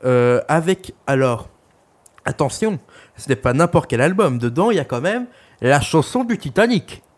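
A man's voice: fairly high pitch, animated, moderate pace. Young male podcast co-host, loose jokey chat, crude humor, filler-heavy rambling. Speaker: podcast co-host reviewing an album. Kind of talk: casual chat.

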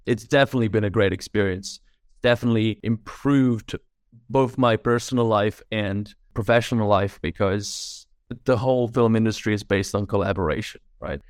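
A filmmaker from the Czech Republic, a young man in his twenties, talks in a lowish voice at normal speed during a casual podcast interview. His manner is relaxed and thoughtful, and "like" and "right?" come up often as fillers. The recording is studio quality and free of echo.

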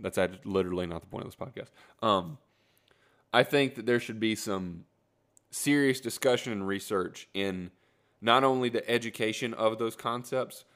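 A man with a very low voice hosts his own podcast alone. He rambles, stops to fix what he just said, and makes fun of himself in a casual rant. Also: creaky, a bit bright. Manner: rambling, self-correcting, self-deprecating. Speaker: podcast host. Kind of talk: solo rant, casual monologue.

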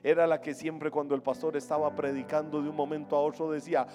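A male pastor preaching a sermon in a church, telling stories emphatically and swinging from hushed to loud. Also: on the high side, level tone, quick pace. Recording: long hall reverb, faint music.

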